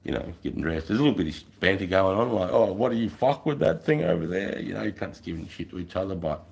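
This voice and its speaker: A man's voice: deep voice, lively intonation, quick pace, creaky, darkish tone. An Australian man chatting casually on a livestream in a blokey, sweary way full of mates and bros. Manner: blokey, frequent swearing and mate-bro slang. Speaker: livestreamer, former infantry soldier.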